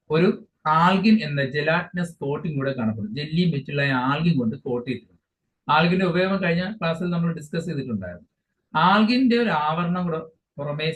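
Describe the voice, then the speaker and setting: Man teaching biology, fairly high voice. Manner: explains each English term again in Malayalam, often pausing mid-phrase. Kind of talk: exam-focused lecture. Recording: dull lo-fi sound with faint hiss.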